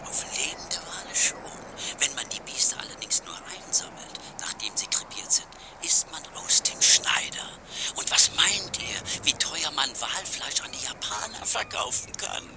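An actor playing a scheming crook boss who speaks in a hushed, contemptuous way. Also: male voice, fairly high pitch, very animated, moderate pace, vocal fry, music in the background. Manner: contemptuous, insulting. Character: scheming adult male crook boss, sneering and cold.

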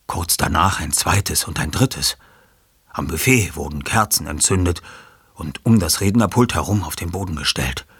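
Ein Mann liest ausdrucksvoll und lebendig ein Hörbuch vor. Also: male voice, deep voice, moderate pace, a bit bright, husky, dry recording, clean studio sound. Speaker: audiobook reader. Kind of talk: audiobook narration.

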